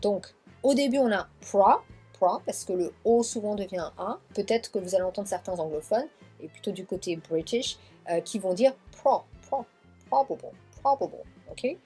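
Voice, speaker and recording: Husky French woman teaching pronunciation. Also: medium pitch, expressive, dark tone, faint music behind. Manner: slow, drawn-out repetition of model words. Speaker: English teacher. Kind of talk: pronunciation lesson.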